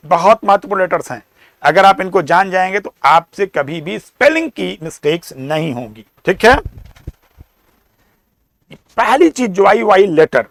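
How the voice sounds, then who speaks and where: A man with an Indian accent giving a classroom lecture, explaining slowly, repeating and sounding out words. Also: sits high, dry recording. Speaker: teacher.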